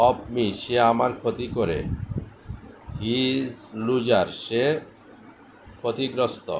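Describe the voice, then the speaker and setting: A man with a Bengali accent teaching English, reading each sentence very slowly and then translating it. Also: mid-range voice, background noise. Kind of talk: slow drilled language lesson.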